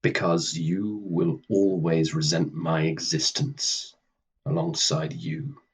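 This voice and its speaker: A man acting in a radio play as Death, a stern, weary immortal who speaks formally and coldly with a husky voice. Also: low-pitched, exaggerated voice. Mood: cold, dismissive. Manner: deliberate, formal, cold, dismissive.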